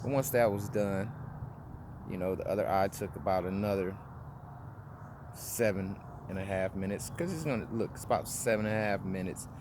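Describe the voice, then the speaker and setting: Rambling man in his forties, low-pitched. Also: moderate pace, noisy background. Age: 40s. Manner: rambling, with frequent restarts and fillers. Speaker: vlogger. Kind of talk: casual personal review.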